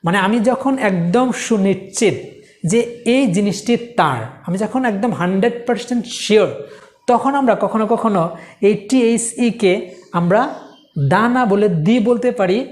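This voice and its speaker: A woman teaching a spoken English pronunciation lesson. She explains patiently, repeats each point and says the English examples slowly. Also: mid-range voice, darkish tone.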